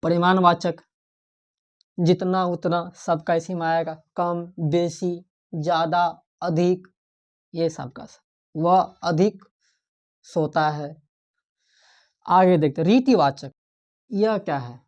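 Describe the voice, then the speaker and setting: Slow, deliberate woman teaching grammar. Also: fairly low pitch, fairly even intonation, a little mellow. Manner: asks the class questions and repeats key terms. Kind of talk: exam-prep online lesson.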